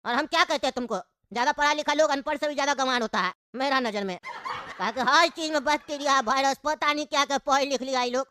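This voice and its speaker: A woman's voice: high-pitched, fast, bright, forceful tone, no room sound. A woman voicing an elderly father with a cough and a chest cold, complaining and stubborn. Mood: grumbling. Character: coughing old father on a flight, grumbling and stubborn.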